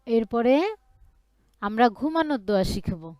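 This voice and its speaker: A woman's voice: on the high side, animated, measured pace, a little mellow, dry recording, studio quality. A woman teaching Quran reading in an online lesson, patiently spelling out each syllable and having the student repeat after her.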